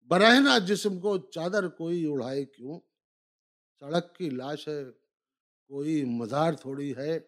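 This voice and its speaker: A man with a high voice recites humorous, satirical poetry in the mushaira style. He declaims in measured phrases, repeating lines as refrains. Between verses he slips into spoken asides to his listeners. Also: fairly bright tone. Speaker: humorous Urdu poet performing at a poetry gathering.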